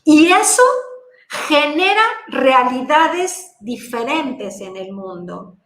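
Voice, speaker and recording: Slow, lively-voiced woman lecturing. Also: sits high, reverberant. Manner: slow, deliberate explanation with rhetorical questions. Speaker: lecturer on language teaching for deaf children. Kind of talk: virtual conference lecture. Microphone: video call.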